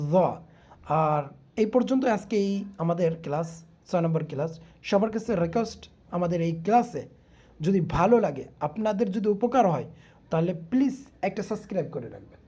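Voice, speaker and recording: Mellow-voiced woman teaching Quran letters. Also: medium pitch. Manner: repeats letters slowly, quizzing the viewer. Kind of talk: online recitation lesson.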